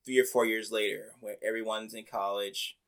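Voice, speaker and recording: A man hosting a casual chat, rambling along in a relaxed way and filling his sentences with "like". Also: on the low side, moderate pace. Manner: chatty, rambling, many "like" fillers.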